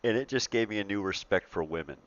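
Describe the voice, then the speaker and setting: A man's voice: lowish voice, lively intonation, fast, highs cut off. A man in his forties hosting a trucking talk show in casual, profane chat, laughing often and repeating himself. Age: 40s.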